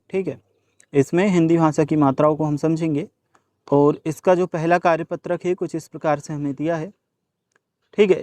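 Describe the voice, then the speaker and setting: A male teacher addresses children in a workbook solution lesson, asking questions and answering them himself while mixing English words and numbers into his speech. His voice is a little high with a darkish tone, on a dry recording.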